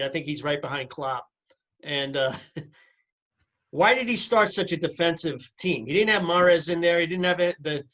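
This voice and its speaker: Male podcast host, high and sharp-toned voice, animated; a debater who fires back quick challenges. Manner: argumentative, pushing back with quick questions. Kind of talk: casual soccer podcast chat.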